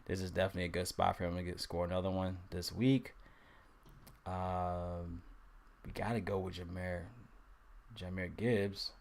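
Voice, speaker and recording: A man's voice: sits low, level tone, moderate pace, vocal fry, long pauses, darkish tone, slight background noise. A man hosting a casual fantasy sports live stream, talking loosely with slang and playfully repeating player names as he tries to say them.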